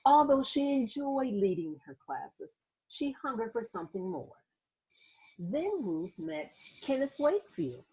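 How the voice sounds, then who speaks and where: A woman hosts a read-aloud of a children's picture book, telling it expressively with little asides to young listeners. Her voice is on the high side and husky, her pace a little slow, and the recording is low quality.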